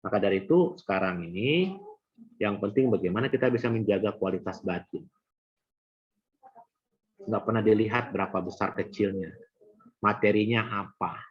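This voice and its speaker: A man's voice: on the low side, moderate pace, pauses often, husky. A middle-aged man teaching a Buddhist class in a conversational way, speaking straight to his listeners. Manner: conversational, addresses audience directly. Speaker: Abhidhamma teacher. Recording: dull lo-fi recording.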